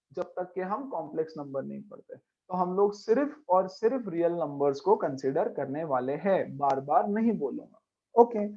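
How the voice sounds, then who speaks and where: Emphatic male maths teacher, slow and deliberate. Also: high voice, highs cut off. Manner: emphatic, repeats key points, checks in with students. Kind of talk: classroom lecture mixing Hindi and English. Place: classroom.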